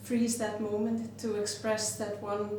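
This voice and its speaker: A woman's voice: medium pitch, completely flat delivery, a little slow. A woman, a glass artist presenting her work in a reflective way, often stopping to search for words. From Iceland. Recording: very roomy, distant mic, noisy background.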